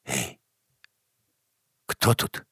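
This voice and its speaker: A man's voice: very slow, pushed and bright, no room sound, clean studio sound. A man voicing a confused, defensive middle-aged working man in an audiobook story. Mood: bewildered.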